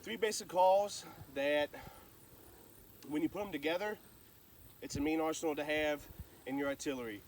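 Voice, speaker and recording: A man's voice: fairly high pitch, moderate pace, long pauses, distant mic, slight background noise. A man giving casual, folksy, plain-spoken instruction as a hunter sharing calling tips.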